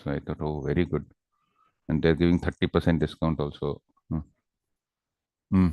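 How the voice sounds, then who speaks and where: A man's voice: very deep voice, flat delivery, moderate pace, no room sound, muffled recording. A man with a South Indian accent teaching an online class conversationally, with examples and frequent questioning tags, on a headset microphone. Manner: informal, often ends phrases with questioning tags.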